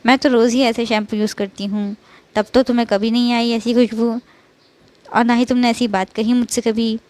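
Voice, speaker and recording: A woman's voice: a little high, little pitch movement, normal speed, a little mellow, lightly acted. A woman reading the part of a headstrong young wife with blunt, teasing retorts in an audiobook romance.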